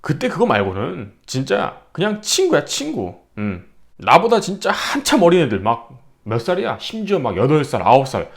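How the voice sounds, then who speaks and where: Brash, animated Korean man telling stories. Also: on the high side, moderate pace, vocal fry. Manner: brash, profane, acts out quotes. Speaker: vlogger. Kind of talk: casual storytelling monologue.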